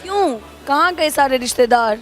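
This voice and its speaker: A woman hosting a casual comedy chat, hoarse-voiced, with a teasing, playful way of questioning. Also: sits high, expressive, moderate pace. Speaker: host.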